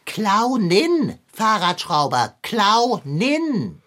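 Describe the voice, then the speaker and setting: A pompous, wordy philosopher. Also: female voice, mid-range voice, wildly swooping pitch, very slow, a bit bright, heavily acted. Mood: lofty. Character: pompous long-winded philosopher, grumpy at heart. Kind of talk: children's radio play acting.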